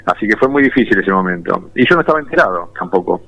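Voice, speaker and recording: A man's voice: deep voice, expressive, quick pace, sharp tone, no echo, poor audio. A man in his fifties from Argentina, a war veteran telling his own story in an interview in a reflective, storytelling way. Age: 50s. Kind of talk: personal testimony in an interview.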